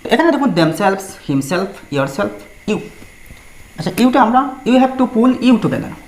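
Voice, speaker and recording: A woman's voice: mid-range voice, very animated, slow pace, darkish tone. A woman tutor teaching an exam-prep grammar lesson, explaining step by step and spelling words out letter by letter. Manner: mixes Bengali explanation with English examples. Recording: echoey room.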